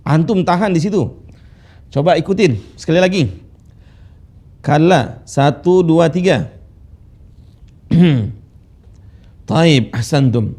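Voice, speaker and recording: A man teaching Quran recitation rules, patiently drilling students with slow, drawn-out recited phrases. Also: fairly high pitch, animated, warm tone, husky. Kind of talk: tajwid lesson with recitation drills. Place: classroom studio with whiteboard.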